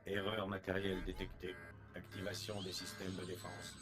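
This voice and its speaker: Glitching, monotone computer. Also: male voice, deep voice, normal speed, loud music behind the voice. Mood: alarmed. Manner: flat, monotone alarm announcements. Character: glitching male computer system voice reporting errors. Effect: malfunctioning machine voice. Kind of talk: video game voice acting.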